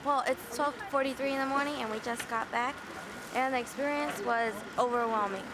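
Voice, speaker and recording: A woman attendee recalls the event in a high voice, gushing about how it felt. Background noise and passing vehicles can be heard behind her. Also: brisk. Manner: gushing, with repeated "oh my gosh". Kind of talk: excited recollection.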